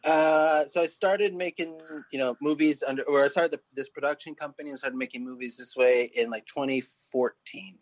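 A man's voice: medium pitch, steady tone, normal speed, hardly any pauses, dry recording. A man in his late thirties from San Diego, a podcast guest talking casually with plenty of fillers and restarts. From San Diego, California. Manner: rambling, many fillers and restarts. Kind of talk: casual interview chat.

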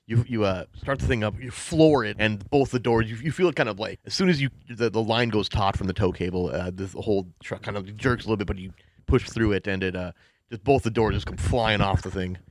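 A man's voice: fairly low pitch, brisk, no room sound. A man narrating and refereeing a tabletop role-playing game, rambling with many hesitations. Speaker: game master.

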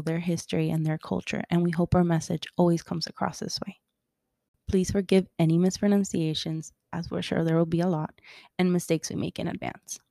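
A woman co-hosts a podcast in a fairly low voice with heavy vocal fry. The sound is close and dry as she reads her scripted introduction. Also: mellow, no echo. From Colombia-born, raised in Miami. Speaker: podcast co-host.

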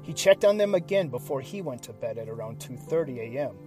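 A man narrating a scripted true-crime story in a suspenseful, measured, serious manner with deliberate dramatic pauses. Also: medium pitch, expressive, over music. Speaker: host and narrator of a missing-persons series.

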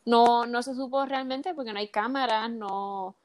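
A woman's voice: on the high side, measured pace. A young woman casually telling a true-crime case in a chat podcast, slipping English words into her Spanish.

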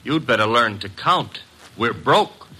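An actor playing a wisecracking, long-suffering detective's assistant, brisk and wry, in a vintage radio drama. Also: male voice, mid-range voice, lively intonation, sharp tone, breathy edge, exaggerated voice, poor audio. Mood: needling. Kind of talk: 1950s radio drama acting.

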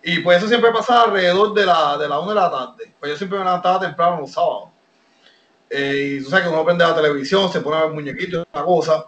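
A man from Puerto Rico with a Puerto Rican Spanish accent, telling his wrestling story as a podcast guest. He talks in an animated way, with many fillers and restarts. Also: a little high, quick pace, roomy sound, highs cut off. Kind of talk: casual interview storytelling.

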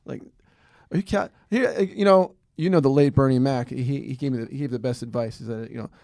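A man co-hosting a relaxed podcast. He talks quickly, in a dry, close sound with no room behind him. He rambles a little as he chats. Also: mid-range voice, gravelly, no room sound. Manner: rambling, with many fillers and restarts. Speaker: podcast co-host. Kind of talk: casual podcast chat.

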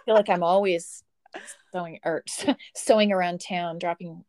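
A woman's voice: fairly low pitch, steady tone, measured pace, a little mellow, no echo, studio quality. A woman co-hosting a podcast in casual chat, easygoing and matter-of-fact. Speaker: podcast co-host.

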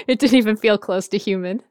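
A woman's voice: medium pitch, a little fast, clear, resonant tone, dry recording, clean studio sound. A woman from Oregon, a listener guest, talking in a chatty, giggly way with many fillers. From Portland, Oregon. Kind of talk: casual interview.

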